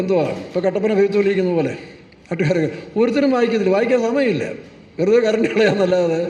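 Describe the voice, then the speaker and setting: Picked up by a distant mic in a church hall full of long, roomy echo, a pastor scolds his congregation through his sermon with a stream of rhetorical questions. His voice is high for a man, with a darkish tone.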